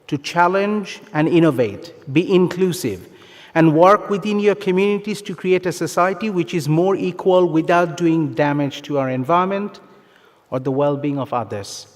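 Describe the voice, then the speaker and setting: In a large conference hall at a live graduation ceremony, a fairly high-voiced man gives a formal ceremonial speech under long hall reverb. Earnest and encouraging, he lays out measured phrases with emphatic pauses, much like an official addressing graduates.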